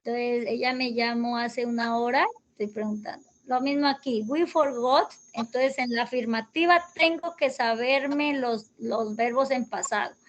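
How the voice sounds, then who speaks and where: A woman's voice: on the high side, a little slow, poor audio. A woman teaching English grammar over a video call, explaining patiently step by step. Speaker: English tutor.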